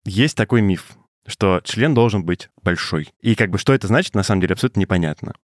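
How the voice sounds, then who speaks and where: A man's voice: lowish voice, fast talker, dry recording, clean studio sound. A man chatting casually as a podcast guest, with a speech impediment that keeps him from rolling his r's. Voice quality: soft, non-rolled r (speech impediment on r).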